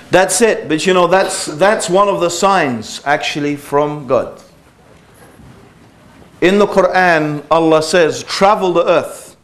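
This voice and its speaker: A man, giving an informal religious lecture in a conversational way with frequent fillers and asides. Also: on the high side. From England. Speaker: Islamic lecturer.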